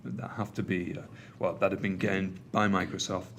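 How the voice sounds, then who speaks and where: A middle-aged man from England, with a Manchester accent, delivers a conversational technical conference talk to a meeting room audience, frequently using ums and uhs. He has a low yet fairly bright voice, flat in delivery and moderately paced, with a little hiss or hum.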